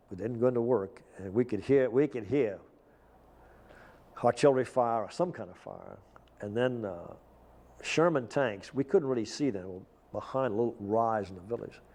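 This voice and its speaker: An older man recalls his memories with vivid, descriptive detail. His voice sits at an ordinary middle pitch. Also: a little mellow. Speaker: former prisoner of war interviewee. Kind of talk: recounting memories.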